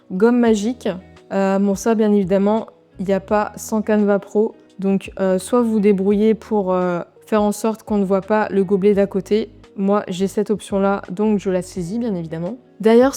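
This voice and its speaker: A woman talking through a design software tutorial step by step, with relaxed, chatty asides as she works. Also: medium pitch. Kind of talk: screen-recorded software tutorial.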